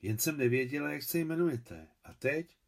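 A man's voice: on the high side, expressive, gravelly, pitched above the performer's own voice. A man reading as an anxious young mother. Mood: eager. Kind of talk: audiobook reading.

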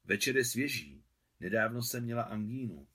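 A man reading aloud, voicing a playful, gently mocking young woman. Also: mid-range voice, expressive, husky, pitched above the performer's own voice. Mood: teasing. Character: teasing young woman, Liza.

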